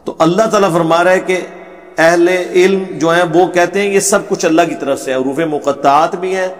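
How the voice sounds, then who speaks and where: A man giving a religious lecture. He recites Arabic verses slowly, then explains them in conversational Urdu and argues his points with anecdotes. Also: high voice, fairly even intonation. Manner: argumentative, tells anecdotes. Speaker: religious scholar. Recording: echoey hall reverb.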